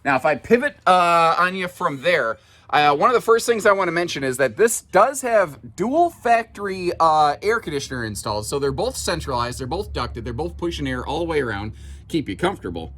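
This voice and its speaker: A man's voice: on the high side, sing-song, a little fast, fairly bright tone. A man giving a casual, chatty walkthrough inside a trailer as an RV dealer, folksy with lots of fillers, recorded on a handheld camera mic.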